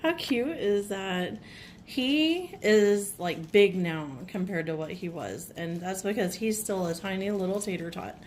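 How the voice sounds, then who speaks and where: A woman with a cold, her voice a little rough, gushing chattily through an unboxing at home and clearing her throat often. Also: mid-range voice, animated, measured pace, slight background noise. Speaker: nail vlogger. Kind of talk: casual unboxing chat.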